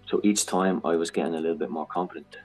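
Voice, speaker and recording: Frank, deep-voiced man with faint music. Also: fairly even intonation, quick pace, a little mellow, low-quality recording. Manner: frank, blunt, swears freely. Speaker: guest sharing recovery story. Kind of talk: candid podcast conversation.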